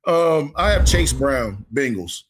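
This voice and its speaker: A man in a relaxed podcast chat, talking in an easy, folksy way. He often repeats a word or two before his point comes out, and his voice sits at an ordinary middle pitch. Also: slow, slight background noise. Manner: laid-back, folksy, repeats himself when starting a thought. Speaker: podcast co-host. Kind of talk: casual sports chat.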